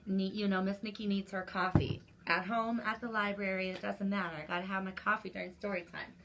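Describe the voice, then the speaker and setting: A woman hosts a children's story time, reading aloud and speaking straight to young listeners in an animated way. Her medium-pitched voice moves briskly, with slight background noise behind it.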